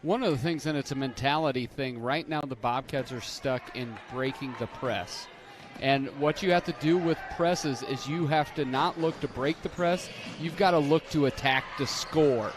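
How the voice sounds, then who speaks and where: A man's voice: mid-range voice, normal speed. A man giving color commentary on a basketball game, explaining strategy in an analytical, coaching way. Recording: broadcast with loud gym noise behind.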